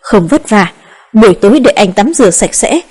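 A woman narrator voicing a calm young man who speaks gently and teases his partner in an audiobook. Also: medium pitch, brisk, husky. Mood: teasing. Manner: soft, gentle.

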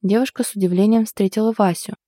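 Woman narrator with a dark, mellow voice. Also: medium pitch, fairly even intonation, quick pace, no echo, clean studio sound. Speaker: audiobook narrator. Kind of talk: scripted narration.

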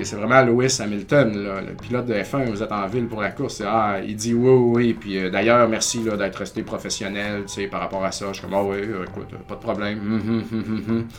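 A man with a Québécois French accent, hosting a podcast and telling a story in a casual, animated way, acting out what people said. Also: medium pitch. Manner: animated, acts out quoted voices. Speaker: podcast host.

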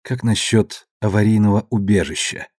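A man voicing a battered older ship captain, who yells orders and then speaks meekly to his captors. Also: mid-range voice, expressive, moderate pace, no room sound, studio quality, lightly acted. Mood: submissive. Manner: shouting orders, then meek and submissive.

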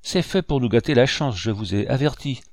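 A man's voice: medium pitch, lively intonation, a little fast, a little mellow, no echo, clean studio sound, natural voice. A man voicing a superstitious male pirate in an audiobook, fretful and reproachful. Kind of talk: audiobook reading.

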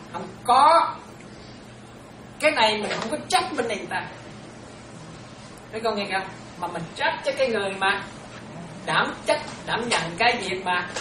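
Woman giving a chatty dharma talk. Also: mid-range voice. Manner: chatty, keeps checking listeners follow. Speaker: Buddhist nun teaching disciples. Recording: roomy, distant, noisy room recording.

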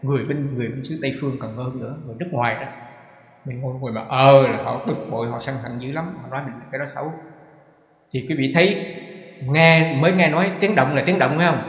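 A man's voice: mid-range voice, fast. Man, Buddhist monk, conversational sermon, rhetorical questions, roomy echo, muffled lo-fi sound. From Vietnam. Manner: conversational, asks listeners rhetorical questions, homely humorous examples. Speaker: Buddhist monk giving a dharma talk. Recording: reverberant dull hall recording.

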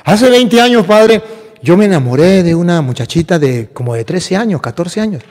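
A priest putting on the voice of a tormented man sure he can't be forgiven. He sounds despairing and insistent, a little higher than usual, in a hall with a long ringing echo. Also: animated, normal speed, darkish tone. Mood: confessing. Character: tormented middle-aged man, guilt-ridden, pleading.

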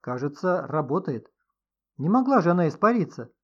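A man's voice: on the high side, sing-song, moderate pace, muffled recording, voice pushed up. A man reading an audiobook, voicing a sardonic, commanding host of a house. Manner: ironic, commanding. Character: sardonic middle-aged male host of the house, mocking.

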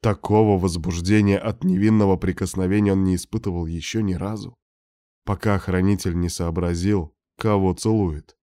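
A man narrating an audiobook in a steady, measured reading. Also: low-pitched, no echo, clean studio sound. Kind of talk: scripted narration.

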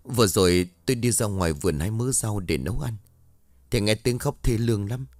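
A man's voice: lowish voice, lively intonation, fairly quick, darkish tone, no room sound, close to an everyday voice. A man reading as a frightened village woman. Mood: fearful.

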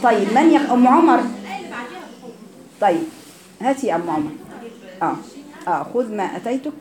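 A woman with an Egyptian accent teaching Quran recitation, correcting students and repeating sounds slowly for them. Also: fairly high pitch, sing-song, reverberant, a crowd in the background. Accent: Egyptian Arabic. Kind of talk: tajweed class instruction.

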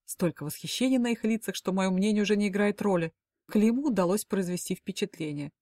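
A woman's voice: medium pitch, brisk, warm tone, dry recording, clean studio sound. A woman telling an audiobook story in the first person. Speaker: audiobook narrator. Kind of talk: audiobook narration.

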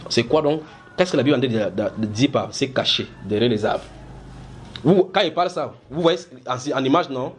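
A man's voice: mid-range voice, expressive, fairly quick. A man preaching, teaching the Bible by asking his listeners questions, repeating words and pressing his points with energy. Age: adult.

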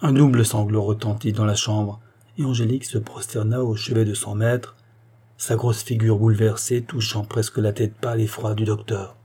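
Man narrating a novel, dark husky voice. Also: fairly low pitch, flat delivery, moderate pace. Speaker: audiobook reader.

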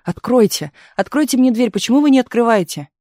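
A reader voicing a tearful, excitable young actress Taisia, speaking in high, breathless exclamations in a dry studio recording. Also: moderate pace, no echo, lightly acted. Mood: alarmed.

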